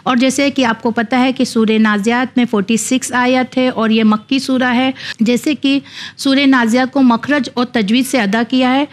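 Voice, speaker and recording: A woman teaching a Quran reading lesson. She spells out each letter and vowel, then blends them into slow, drawn-out recitation. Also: on the high side, steady tone.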